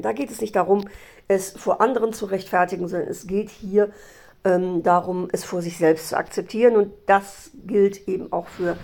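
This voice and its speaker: A middle-aged woman hosting a short coaching podcast, talking calmly and reflectively, stressing key words with deliberate repetition. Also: medium pitch, gravelly. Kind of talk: solo podcast monologue.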